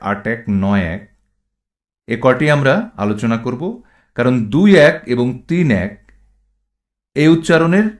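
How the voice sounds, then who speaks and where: Male pronunciation instructor, mid-pitched, deliberate and very slow, reciting rules and example words. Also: a bit bright. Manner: measured, reads rules and word lists one item at a time. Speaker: pronunciation teacher.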